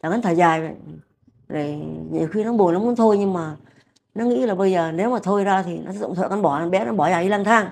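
A woman's voice: medium pitch, fast, darkish tone. An older woman, a mother-in-law, talks in a rambling, repetitive, pleading way during an emotional home interview. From Vietnam.

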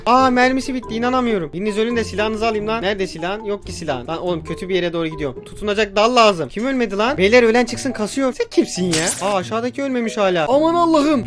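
A man giving jokey, excitable commentary while playing a video game, breaking into yelps and shouts. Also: high-pitched. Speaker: gaming YouTuber. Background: game music.

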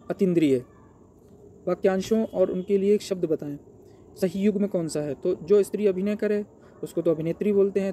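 A man's voice: high-pitched, warm tone. A man working through an exam paper as a Hindi tutor, asking questions aloud and answering them himself step by step. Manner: explains step by step, asks and answers his own questions.

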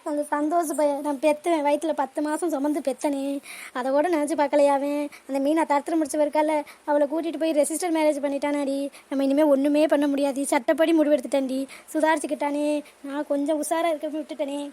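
A woman voicing a middle-aged mother-in-law in a cartoon family drama, lamenting and scolding loudly and fast. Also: high-pitched, level tone, close to an everyday voice. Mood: wailing. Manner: loud, rapid, lamenting scolding.

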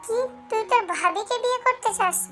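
A woman's voice: very high voice, fairly quick, sharp tone, faint music behind. A woman voicing a stern middle-aged mother who scolds firmly. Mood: scolding.

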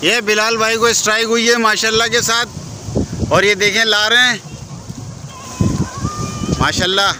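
A man's voice: high voice, level tone, moderate pace, long pauses. A man with a Karachi Urdu accent hosting a fishing vlog, filming on a handheld phone on a rocky shore at night and calling out each catch to viewers. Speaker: fishing vlogger host. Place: rocky seashore at night, outdoors. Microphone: phone camera held in hand. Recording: loud wind on the phone mic.

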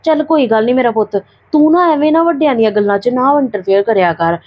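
A woman playing a sickly, put-upon young aunt who talks softly and wearily to a child in an amateur family drama. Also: fairly high pitch, lively intonation, fast talker. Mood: complaining.

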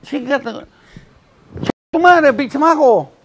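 A slurring, stammering drunk, as a Mexican man puts him on, hurling insults at a bus passenger in a high, swooping voice. It is a comedy-stage jokes routine. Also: lively intonation, unhurried, vocal fry, slight background noise, exaggerated voice. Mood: drunken taunting.

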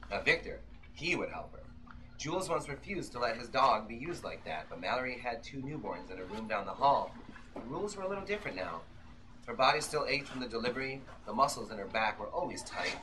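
A middle-aged author reads from his own novel in a small indoor bookshop before a seated audience, tense and deliberate like an old-time radio play. His mid-range voice is sing-song. An audience member's camera a few metres away captures the live room, with violin accompaniment behind him and a noisy background.

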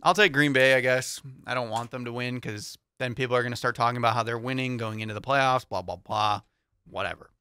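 Bright-voiced young man co-hosting sports talk. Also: medium pitch, steady tone, brisk, clear, resonant tone, dry recording, clean studio sound. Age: young adult. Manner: easygoing, reads out matchups with light laughs. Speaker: co-host. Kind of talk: casual sports podcast chat. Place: small podcast studio with foam panels. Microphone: studio mic on boom arm, headphones.

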